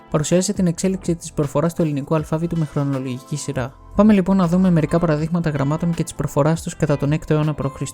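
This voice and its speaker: A man's voice: a little high, warm tone. A man from Greece narrating a scripted video essay in a wry, explanatory manner.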